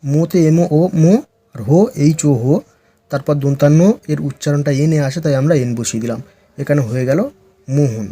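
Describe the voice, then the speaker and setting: A male teacher slowly drilling English letter sounds for beginners, his first language Bengali. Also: a little high, fairly even intonation, warm tone. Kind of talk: phonics lesson for beginners.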